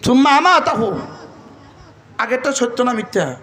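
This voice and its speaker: Male preacher, high-pitched, fiery, echoey loudspeaker sound. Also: big pitch swings, measured pace. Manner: fiery, calls out to the crowd; quotes Arabic verses in a chant. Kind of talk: Bengali waz sermon.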